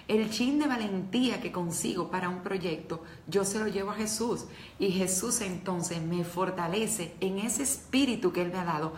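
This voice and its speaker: A woman's voice: mid-range voice, reverberant, slight background noise. A woman preaching a devotional talk to women, earnest and emotional, speaking straight to her listeners.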